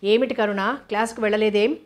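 A woman reading as a gentle orphanage warden. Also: medium pitch, steady tone, fairly quick, close to an everyday voice. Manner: soothing, patient.

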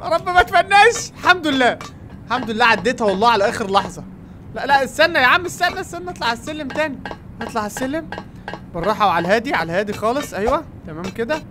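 A man with an Egyptian Arabic accent giving excitable let's-play commentary as a gaming YouTuber, crying out at near-misses. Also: very high-pitched, very fast, noisy background.

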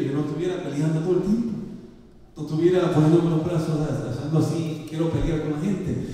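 A man's voice: on the high side, mellow. A male pastor preaching a sermon to his congregation, asking them for amens and acting out the voices in his story. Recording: echoey hall, voice from far off.

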